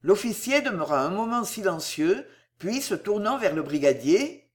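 A narrator reading a war story aloud with an expressive, dramatic delivery. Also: mid-range voice, moderate pace.

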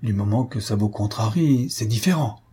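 A man reading aloud and voicing a sly male army sergeant who talks in a mocking, confidential way, with a husky voice. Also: fairly low pitch, normal speed, warm tone. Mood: teasing.

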